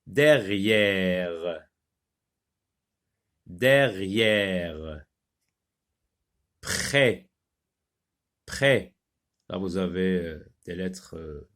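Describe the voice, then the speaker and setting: A man teaching a phonics lesson to young children, saying each word slowly and repeating it so the pupils can follow. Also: low voice, steady tone, vocal fry, a little mellow. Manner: slow, deliberate, repeats words for pupils.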